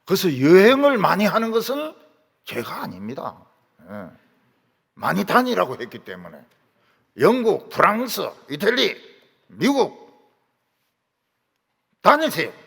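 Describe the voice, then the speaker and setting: A man's voice: sits high, huge pitch swings, unhurried, creaky, pauses often, a bit bright, slightly rough. A male pastor delivering a sermon with emphatic rhetorical questions, recorded in a church hall. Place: church sanctuary. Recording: long reverb of a church hall.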